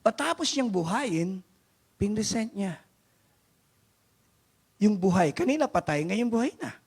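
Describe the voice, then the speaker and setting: A Filipino man, a pastor, preaching a lively sermon that mixes Tagalog and English, reading scripture and questioning his congregation. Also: high-pitched, a little slow, slightly rough. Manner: animated, questions the congregation and urges clapping. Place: church worship service.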